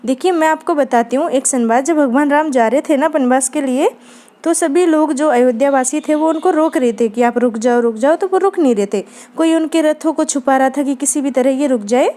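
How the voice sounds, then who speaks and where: High-voiced woman teaching an exam lecture. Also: brisk, mellow. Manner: explanatory, frequent "ठीक है दोस्तों" check-ins. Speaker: Hindi literature teacher.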